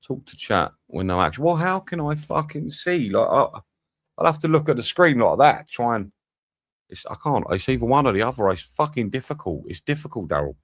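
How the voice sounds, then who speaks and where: A man's voice: medium pitch, big pitch swings, a little fast, no room sound. A young man doing a live match watch-along, swearing freely and bantering with his chat between bits of play commentary.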